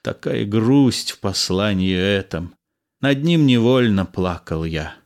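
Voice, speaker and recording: Male reader as a tender poet-soldier, unhurried, measured, heartfelt. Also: on the low side, lively intonation, smooth. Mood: melancholy.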